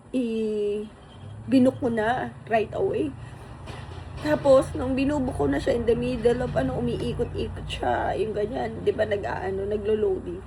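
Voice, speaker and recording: Tearful woman with a gravelly voice. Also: a little high, mellow, slight background noise. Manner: halting, many restarts and fillers, near tears. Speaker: vlogger telling a personal story. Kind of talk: emotional personal storytelling.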